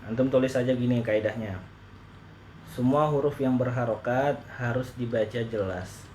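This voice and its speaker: A man teaching Quran recitation in a relaxed lesson, patiently repeating rules slowly and demonstrating letter sounds. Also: on the low side, a little hiss or hum. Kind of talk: relaxed online tajwid lesson.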